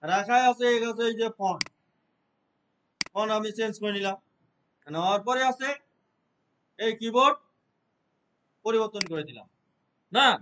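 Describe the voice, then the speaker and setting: High-voiced man teaching a computer lesson. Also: normal speed, long pauses, a bit bright, slight background noise, rough recording. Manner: explains step by step, checks understanding with repeated questions. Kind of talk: classroom lesson.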